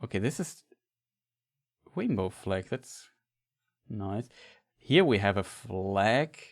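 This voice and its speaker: A man's voice: fairly low pitch, big pitch swings. Man chatting on a stream. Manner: rambling, halting restarts, chatty with viewers. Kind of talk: casual live-stream chat.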